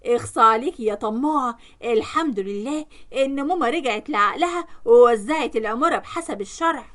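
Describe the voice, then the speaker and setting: A woman's voice: fairly high pitch, animated, a little fast, close to an everyday voice. Woman playing a scolding Egyptian brother. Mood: reproachful. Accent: Egyptian Arabic. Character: upright young man, brother, scolding.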